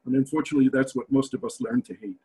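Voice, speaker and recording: A man's voice: mid-range voice, fairly even intonation, rapid-fire, warm tone, slightly rough, poor audio. A man speaking reflectively as a panel speaker.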